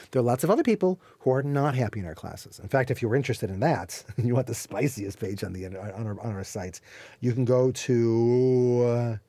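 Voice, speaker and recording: A man's voice: medium pitch, darkish tone, no room sound. A man walking through an online science course on screen in a casual, rambling way, who corrects himself and jokes as he goes. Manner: rambling, self-correcting, joking, laughs often. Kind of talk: casual screen-share walkthrough.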